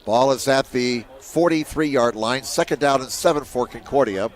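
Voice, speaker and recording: Man calling high school football play-by-play. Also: normal speed. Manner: steady play-calling that rises sharply on big plays. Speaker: play-by-play commentator.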